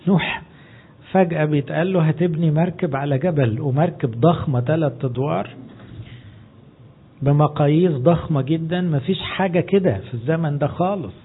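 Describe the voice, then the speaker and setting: A man preaches with an Egyptian Arabic accent, his voice fairly high and a little husky. He teaches as he goes and slips English phrases into his Arabic. The sound is thin and tinny, as if heard over a phone line. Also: moderate pace, long pauses. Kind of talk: sermon.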